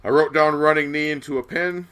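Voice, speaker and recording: A man co-hosting a podcast, chatting casually and excitedly recapping a wrestling match, swearing now and then. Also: on the high side, clean tone. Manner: excitable, swearing, quick bursts of enthusiasm. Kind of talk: casual chat.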